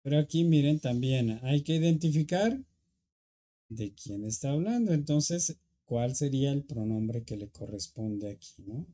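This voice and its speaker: A man's voice: mid-range voice, lively intonation, a little slow, mellow. A man teaching an English grammar lesson, patiently explaining and checking in with students.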